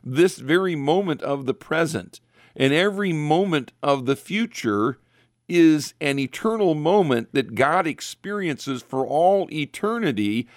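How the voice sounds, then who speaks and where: A man's voice: a little high, animated, a little slow, dry recording, clean studio sound. A man earnestly explaining theology on a talk show, repeating phrases for emphasis. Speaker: guest Bible teacher.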